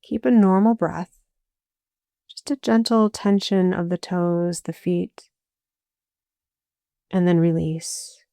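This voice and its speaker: A woman leads a yoga nidra relaxation very slowly, her slightly low voice creaking at the edges. She gives calm, soothing instructions in short phrases with space between them, recorded with studio quality and no echo.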